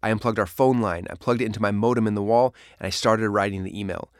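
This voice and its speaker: A man's voice: fairly low pitch, steady tone, quick pace, no echo, clean studio sound. A man reading his own memoir aloud in a storytelling manner. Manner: storytelling, dramatic in places. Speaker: narrator. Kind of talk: memoir audiobook narration.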